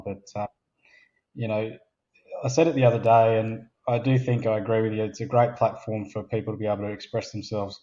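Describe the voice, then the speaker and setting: A man co-hosting a podcast, speaking in a measured, reassuring way. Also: lowish voice, dark tone, lo-fi sound. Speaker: podcast co-host. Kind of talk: casual chat.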